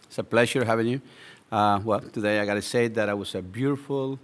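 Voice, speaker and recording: A man's voice: fairly low pitch, brisk. A man, a business owner telling his story as a podcast guest with enthusiasm and many fillers. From El Salvador. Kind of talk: casual interview.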